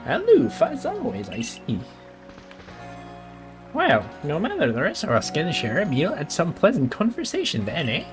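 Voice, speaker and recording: A man's voice: fairly high pitch, wildly swooping pitch, normal speed, music in the background, pitched above the performer's own voice. A man voicing a fussy, cheerful older male professor in a chummy, genteel manner while reading game dialogue aloud. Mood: chipper.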